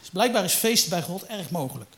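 Animated high-voiced preacher. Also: male voice, a little fast. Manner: animated, rising to loud emphatic peaks then dropping low and quiet. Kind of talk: sermon.

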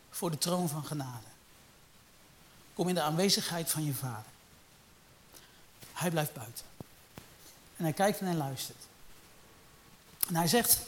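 A man preaching a sermon, swinging from loud emphatic peaks to low, quiet storytelling. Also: slight background noise.

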